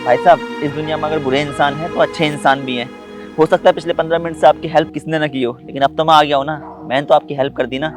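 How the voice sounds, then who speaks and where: A man's voice: a little high, quick pace, over music, natural voice. A man playing a kind, humble young man. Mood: friendly. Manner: polite, friendly and calm. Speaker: job candidate.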